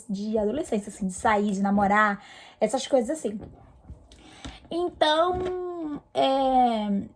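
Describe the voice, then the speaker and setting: A young Brazilian woman vlogger with a mid-range, darkish voice casually tells her viewers a personal story. She's chatty, full of fillers and restarts.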